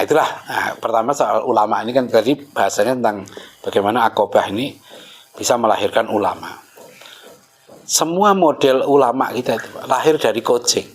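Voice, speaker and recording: A middle-aged man telling stories in a casual talk, animated and laughing, acting out the voices of the people he quotes. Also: mid-range voice, breathy edge. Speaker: speaker.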